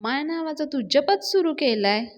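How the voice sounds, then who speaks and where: A woman voicing a jealous, sharp-tongued older woman who snaps scornfully. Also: high-pitched, expressive, normal speed, voice pushed up.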